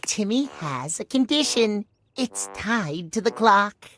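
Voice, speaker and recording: A woman's voice: mid-range voice, animated, takes it slowly, a bit bright. A woman voicing a sleepy, playful, catlike male clock spirit in a video game, drowsy and teasing. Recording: clear music underneath.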